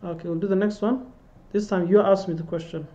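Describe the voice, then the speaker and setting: Over a video call captured by webcam, a male Arabic teacher in an indoor room patiently repeats phrases for his online students to echo back. His voice is high and mellow, fairly quick with fairly even intonation, and the sound is lo-fi.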